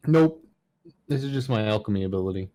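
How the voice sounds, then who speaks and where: A man's voice: on the low side, animated, a little fast, dark tone. A man playing in a tabletop game, speaking in an offhand, wry way. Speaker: player. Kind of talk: casual tabletop banter.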